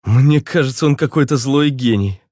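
A man's voice: mid-range voice, moderate pace, a little mellow, no echo, voice pushed up, close to an everyday voice. A male narrator voicing a tired, sarcastic young man with a dry, sardonic way of speaking. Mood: wry. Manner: dry, sardonic, swears casually. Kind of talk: audiobook character voice.

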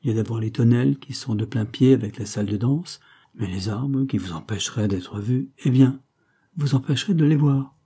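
A man reading an audiobook and voicing a cheeky young male floor washer, who talks in a brisk, slangy, knowing way. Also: medium pitch, mellow, slightly rough. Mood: sly. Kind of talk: audiobook character voice.

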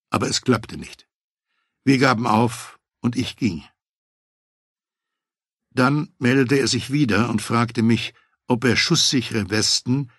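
Low husky male audiobook narrator. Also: no room sound, clean studio sound. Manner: measured, matter-of-fact storytelling. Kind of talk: read first-person memoir narration.

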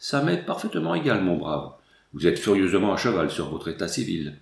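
A man voicing a pompous, mocking gentleman who speaks in flowery phrases. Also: low-pitched, very animated, brisk, vocal fry, echoey room, exaggerated voice.

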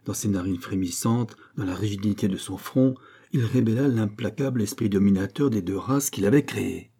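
A man narrating a classic novel as an audiobook reader, in a measured, expressive storytelling manner. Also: on the low side, slightly rough.

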